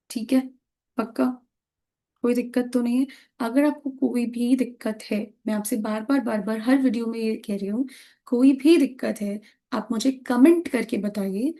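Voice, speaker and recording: A woman's voice: a little high, warm tone. A woman teaching a chemistry lesson, speaking, patiently asking questions and answering them herself. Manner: patient, asks and answers own questions, calls students "beta". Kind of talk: classroom lecture.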